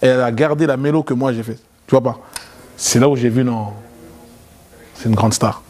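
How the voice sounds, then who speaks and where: A man, a guest in a casual interview, telling a story in an animated way. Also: normal speed. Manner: animated, acts out quotes in a loud high voice.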